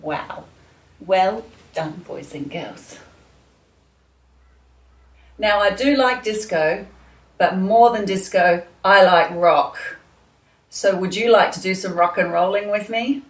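A woman leading a children's dance class, talking to young kids in a slow, sing-song, encouraging way. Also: mid-range voice. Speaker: children's dance and gym teacher. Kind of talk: leading a kids' movement class. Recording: echoey room, voice from far off, faint music.

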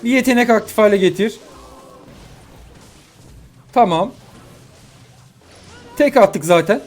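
A young man giving live commentary on his own mobile game matches, excitable and quick to vent frustration at his opponents. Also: very high voice. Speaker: gaming YouTuber. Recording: faint music behind.

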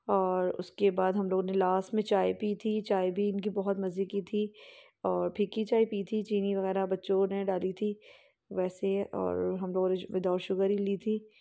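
A woman's voice: mid-range voice, vocal fry, dark tone. A young woman vlogger giving a chatty, rambling voice-over about a family outing, with fillers and restarts.

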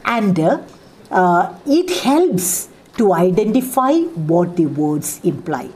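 A woman's voice: on the low side, very animated, slow, darkish tone. A middle-aged woman from India with a Kerala English accent, giving a college literature lecture and explaining with repeated examples and many "ah, see" fillers. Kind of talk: classroom lecture.

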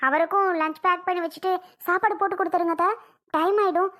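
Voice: very high-pitched, steady tone, fast talker, pushed and bright. A performer playing a demanding young working wife in a family comedy skit, whiny and bossy. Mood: fussy.

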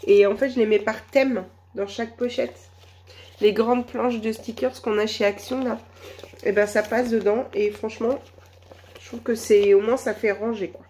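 A woman with a cold and a hoarse voice, chatting slowly and hesitantly through a shopping haul. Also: fairly high pitch, steady tone, darkish tone, a little hiss or hum. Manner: hesitant, many fillers, slow and chatty. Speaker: vlogger. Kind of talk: casual shopping haul vlog.

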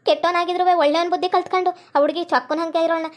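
A woman's voice: very high voice, fairly even intonation, rapid-fire. Woman playing a wailing forties village mother. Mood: scolding. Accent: North Karnataka Kannada. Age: 40s. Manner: wailing, scolding, repeated rhetorical questions. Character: distraught middle-aged village nurse-mother, furious at her son. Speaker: actress in a village skit.

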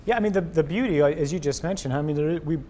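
A man hosting a conversational faith discussion as a priest, his voice mellow and warm in tone. He speaks earnestly and with animation, restarting phrases as he thinks. A faint rumble sits under him, recorded indoors. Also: quick pace. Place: indoors before a wall of memorial crosses.

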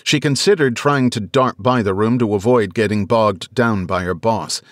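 A man reading an audiobook in scripted narration, with measured, even storytelling. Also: fairly low pitch, dry recording, studio quality.

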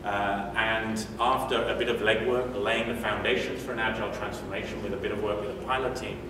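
Talking a little fast with fairly low pitch and little pitch variation, a British man in his forties gives a conversational conference talk full of fillers and restarts. The setting is an indoor, medium-sized hotel meeting room, recorded noisily and with echo by a distant room mic.

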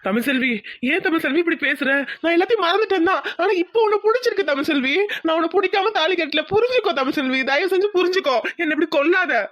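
A woman's voice: very high voice, animated, quick pace, a bit bright, dry recording, clean studio sound. [name], a woman voicing a pleading village lover. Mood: earnest. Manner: pleading, emotional, earnest. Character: young village man, lovesick, pleading and earnest. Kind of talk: cartoon voice acting.

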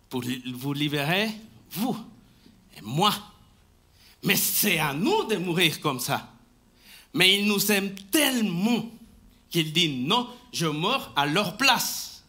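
A man preaching a live sermon in church, slow and emphatic, often restarting his phrases and asking for the next slide. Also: high voice, very animated, sharp tone. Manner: talks to the congregation and asks for the next slide. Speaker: pastor. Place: church sanctuary, indoors.

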